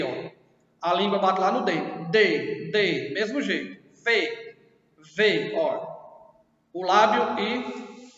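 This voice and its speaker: Recorded from a distance in an echoey, boomy room, this dull lo-fi clip captures a Brazilian man teaching. His voice is high with a fairly bright tone and a Brazilian Portuguese accent, and he explains step by step while regularly asking questions to confirm understanding.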